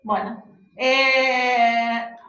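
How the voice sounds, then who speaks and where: A woman with a Rioplatense accent teaches a class in a high, slow voice, going over each point again and checking that the students follow. She sounds far from the mic, in an echoey room. The recording is dull and muffled. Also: fairly even intonation, a bit bright. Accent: Rioplatense Spanish. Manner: slow, patient, repeats key points and checks understanding. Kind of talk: classroom lesson.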